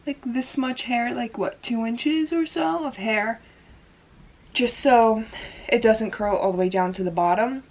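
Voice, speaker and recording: A woman's voice: on the high side, a little slow, a little mellow. A woman talking casually through a hair tutorial, chatty and full of "like" fillers. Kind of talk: casual step-by-step demonstration. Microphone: camera in front of her.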